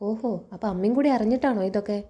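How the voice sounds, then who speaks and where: Scolding rich matriarch read by a woman, mellow and a bit high. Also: rapid-fire, lightly acted. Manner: scornful, scolding. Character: domineering wealthy middle-aged woman of the house.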